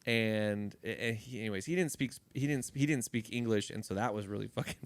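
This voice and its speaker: A man's voice: lowish voice, brisk, no room sound. A young man co-hosting a podcast, telling loose, profane stories in casual chat. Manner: loose, profane storytelling with frequent laughter. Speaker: podcast co-host.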